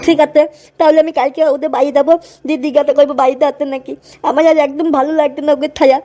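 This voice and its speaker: A woman's voice: high voice, flat delivery, very fast, warm tone, lightly acted. A woman voicing a lovesick, drunk young man in a cartoon, whining and pleading in crude slang. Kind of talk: cartoon voice acting.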